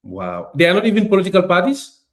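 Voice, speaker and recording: A man's voice: sits high, huge pitch swings, quick pace. A man hosting an interview, pressing his guest with repeated, pointed questions. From Gambia. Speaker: interview host.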